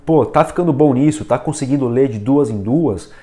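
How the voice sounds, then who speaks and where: With a dark tone, a mid-range voice, and normal speed, a reading coach walks the viewer through a casual reading lesson on video, demonstrating with a book and pen as he speaks directly to them.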